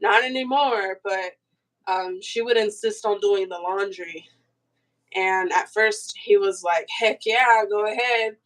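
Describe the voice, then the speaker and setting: A woman guest in a casual chat over a video call, telling stories in an animated, slangy way. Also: mid-range voice, slow, low-quality recording. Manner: animated, laughing storyteller with slangy phrases.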